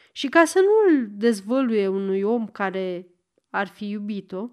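A woman narrating a short story as an audiobook, reading in measured phrases with long pauses. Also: fairly high pitch, darkish tone.

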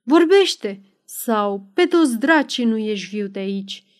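A woman's voice: medium pitch, expressive, close to an everyday voice. Hot-tempered young cavalier voiced by a woman, urgent, demanding, raised voice, audiobook. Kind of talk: audiobook character voice.

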